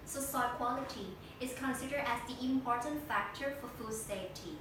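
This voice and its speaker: A young woman recites a memorized speech for a competition, stiff and deliberate. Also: on the high side. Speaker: speech contestant. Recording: echo-heavy room, distant mic, noisy.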